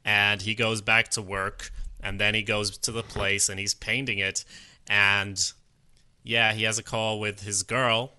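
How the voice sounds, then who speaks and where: A man with a very bright, forceful voice and a slightly low pitch, talking through a TV episode in relaxed, rambling podcast chat. He drifts from point to point and swears in passing. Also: measured pace, smooth. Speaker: podcast co-host. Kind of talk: casual TV recap chat.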